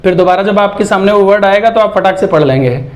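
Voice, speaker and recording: Man, high-pitched voice, patient teacher, repeats syllables slowly, checks in often. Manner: breaks words into sounds, repeats syllables slowly. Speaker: English teacher. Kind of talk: explanatory lesson.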